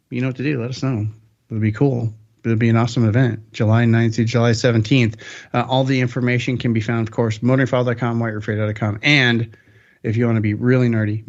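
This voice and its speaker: A man's voice: mid-range voice, lo-fi sound. A man hosting a car podcast, chatting casually and upbeat, rambling with jokes. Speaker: podcast host.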